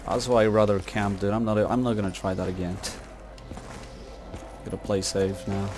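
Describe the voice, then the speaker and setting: Playing a zombie shooter, a man mutters casual commentary to himself at a normal speed. His voice is fairly low, level, and slightly mellow, with game music and gunfire audible in the background.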